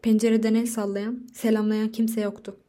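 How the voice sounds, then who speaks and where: A woman narrates a literary short story aloud in a measured, expressive reading. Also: fairly high pitch.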